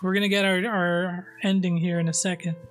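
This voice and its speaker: A man's voice: sits high, flat delivery, fairly quick, soft background music. A man hosting a casual co-op gameplay stream from home, joking and swearing as he talks. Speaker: streamer host.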